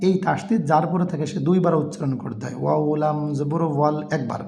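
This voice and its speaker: A man teaching Quran reading step by step, spelling out each letter and vowel and then reciting slowly. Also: fairly high pitch, vocal fry, background noise.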